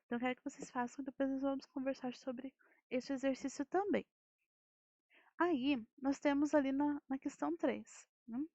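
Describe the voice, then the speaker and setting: High-voiced Brazilian woman teaching. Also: steady tone, normal speed, warm tone, no echo. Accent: Brazilian Portuguese. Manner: explanatory, asks rhetorical questions, frequent "né". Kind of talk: recorded classroom lesson. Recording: dull lo-fi dry audio.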